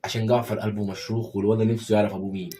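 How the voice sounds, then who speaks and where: A man's voice: lowish voice, flat delivery, racing, mellow. A young man with an Egyptian accent bickering in an improvised comedy sketch, talking in an exasperated way. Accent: Egyptian Arabic.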